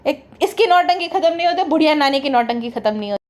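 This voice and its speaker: A woman with a high, light voice delivering sarcastic vlog commentary. She scolds and mocks in a blunt, conversational way, driving each point home with cutting remarks. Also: lively intonation, quick pace, a little mellow. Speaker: commentary vlogger.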